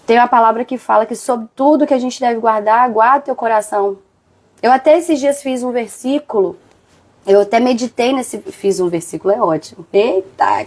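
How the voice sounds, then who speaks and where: A woman hosting a live devotional talk, chatty and animated, acting out quoted friends. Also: fairly high pitch.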